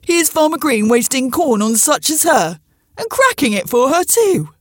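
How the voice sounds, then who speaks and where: A woman voicing a quarrelsome, boastful old male crow in a storybook reading, croaking and blustering. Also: high-pitched, very animated, normal speed, no room sound, studio quality, pitched above the performer's own voice. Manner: blustering, demanding.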